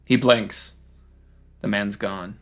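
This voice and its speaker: A man co-hosting a podcast, narrating an improvised story in a halting way with repeated words. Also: on the low side, fairly even intonation, a bit bright.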